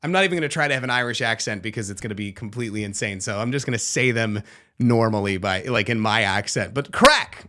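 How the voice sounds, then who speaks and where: A man's voice: lowish voice, quick pace, sharp tone. A man hosting a radio trivia segment in a playful quizmaster manner. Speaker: radio show host running trivia. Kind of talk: casual radio banter.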